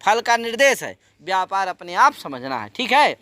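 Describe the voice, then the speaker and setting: Male grammar teacher, high and very animated voice, lilt, question-and-answer classroom style, chants the rules. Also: normal speed, no room sound. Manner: animated, keeps asking students questions and answering them himself. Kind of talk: classroom lecture.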